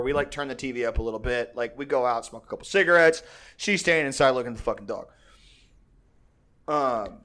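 A man's voice: a little high, fairly bright tone. A young man telling a story in a casual, profane, rambling way, full of fillers and restarts and laughing often.

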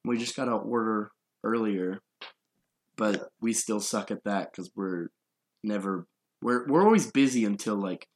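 A man's voice: lowish voice, a little slow. A young man hosting a podcast, chatting casually and rambling through a story, laughing often. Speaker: podcast host. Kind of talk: casual chat.

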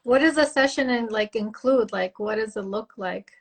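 A woman's voice: on the high side, moderate pace, husky. Encouraging female interviewer. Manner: encouraging, frequent short backchannels. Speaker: interviewer, host. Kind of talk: casual interview conversation.

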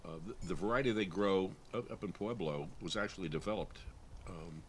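A man, a guest expert on chili peppers from New Mexico, explaining in casual chat with many ums and pauses while his eyes water from the heat. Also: low voice, a little hiss or hum. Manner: halting, many ums and uhs.

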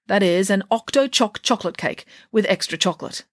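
A woman's voice: medium pitch, brisk, no echo, clean studio sound, lightly acted. A woman voicing a bossy, shrewd, cake-loving nanny who talks in a grand, boastful way.

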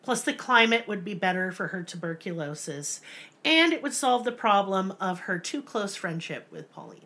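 A woman's voice: mid-range voice, lively intonation, moderate pace, bright, forceful tone. A woman hosting a casual podcast, telling a true story with profane jokes and mock voices. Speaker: podcast host.

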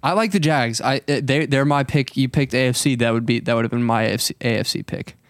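A man's voice: medium pitch, quick pace, dry recording, clean studio sound. A young man co-hosting a podcast, playful and contrarian in casual chat. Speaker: podcast co-host.

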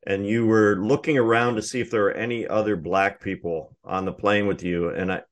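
A man hosts an interview, asking long, hesitant questions full of ums and restarts. His voice is slightly low, and he keeps the tone conversational. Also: steady tone, a little fast. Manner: hesitant, filler-heavy questions. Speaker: interviewer, host.

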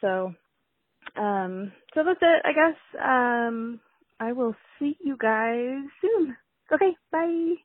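A woman's voice: on the high side, expressive, slow pace, no echo. A woman leaving a casual voicemail as a caller to a show, rambling along with lots of "um" and "like". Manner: rambling, full of "um" and "like". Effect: leaving a voicemail over the phone. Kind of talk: casual phone message. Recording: tinny phone line, dry.

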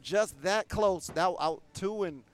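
A man calling live wrestling play-by-play, rattling off moves and bursting loud on the big spots. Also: high voice, slow, smooth.

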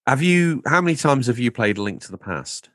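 A man's voice: mid-range voice, sing-song, a little fast, a bit bright, no echo, studio quality. A man hosting a podcast in casual chat, reading out listener comments with playful, rambling asides. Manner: playful, rambling, theatrical emphasis. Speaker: podcast host.

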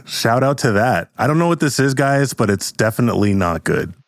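A man's voice: mid-range voice, animated, brisk. A man hosting a podcast in a playful, joking casual chat. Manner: playful, jokey. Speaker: podcast host.

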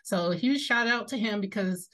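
A woman's voice: mid-range voice, moderate pace, fairly bright tone. A woman co-hosting a sports podcast, recapping a fight in an upbeat, earnest way. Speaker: podcast co-host.

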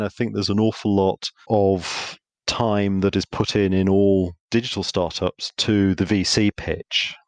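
A man, a podcast guest, explaining marketing in a relaxed way and acting out short dialogues as he tells anecdotes. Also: fairly low pitch, dry recording. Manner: lively storyteller, acts out little dialogues. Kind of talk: conversational explaining.

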